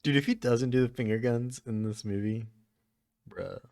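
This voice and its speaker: A man's voice: medium pitch, moderate pace, vocal fry, darkish tone, no room sound, clean studio sound. A young man co-hosting a casual chat, enthusiastic and slangy. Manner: enthusiastic, says "dude" and "like" a lot. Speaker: co-host.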